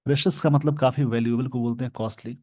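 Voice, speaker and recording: A man with an Indian accent teaching English in Hindi, explaining an editorial word by word and slowing down to read the English phrases. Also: mid-range voice, steady tone, mellow, dry recording. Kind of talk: Hindi-language English lesson reading an editorial.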